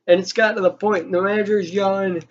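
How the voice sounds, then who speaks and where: Although he's telling an animated personal anecdote with acted-out quotes, this young man's high voice is flat in delivery and fast. He's informal, sweary, and exasperated, and the audio sounds dull.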